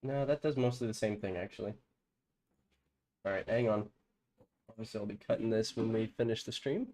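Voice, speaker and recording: With a lowish voice and a fairly quick pace, a man whose nose is stuffed up chats loosely through a football game on a live stream. He's relaxed and rambling, using lots of fillers, at a home green-screen setup with background music.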